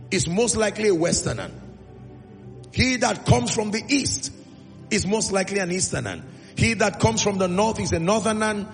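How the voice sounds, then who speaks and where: A Nigerian man with a high, gravelly voice preaches with emphasis, calling to the congregation and prolonging key phrases in call-and-response style. Music plays in the reverberant hall where he's recorded.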